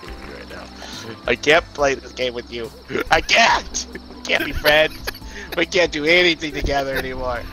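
A man playing a video game with a friend, swearing and erupting into furious yelling. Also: a little high, moderate pace, over music, poor audio. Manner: explosive profane yelling. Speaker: gamer. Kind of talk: gameplay chat.

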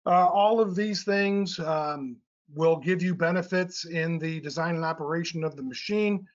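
A man's voice: a little high, moderate pace. A middle-aged man presenting technical slides in a webinar, explaining step by step with frequent uh and um fillers. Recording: slightly dull lo-fi webinar audio.

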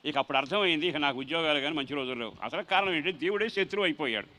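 A middle-aged man, a pastor preaching his testimony and swelling into loud emotional cries. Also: on the high side, racing, low-quality recording. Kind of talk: testimony sermon.

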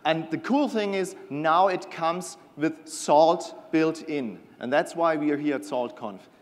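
A middle-aged man giving a conference keynote on a large stage, enthusiastic and a little halting with fillers. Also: on the high side. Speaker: keynote presenter, product manager. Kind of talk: conference keynote with scripted banter. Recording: long hall reverb.

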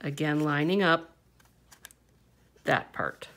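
Woman craft instructor, relaxed chatty step-by-step tutorial, unhurried delivery, bright voice, lowish pitch. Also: a little hiss or hum. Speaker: papercraft instructor. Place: indoor craft table.

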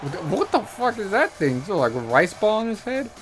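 A young man playing a video game on camera, joking with his co-host in a deadpan, playfully indignant way. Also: high voice, brisk, crowd noise. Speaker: let's play player. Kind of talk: casual gameplay commentary. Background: game music.

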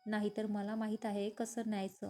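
A woman voicing a rich, arrogant young man who is quick to anger, with a commanding way of talking in a narrated romance story. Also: mid-range voice, completely flat delivery, faint music behind, natural voice. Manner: commanding and forceful.

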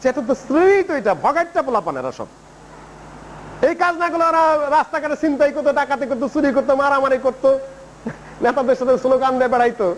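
A man from Bangladesh preaching a sermon in an animated storytelling manner, acting out quoted dialogue as he tells it. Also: very high-pitched, a little fast, slight background noise, poor audio. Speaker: Islamic preacher.

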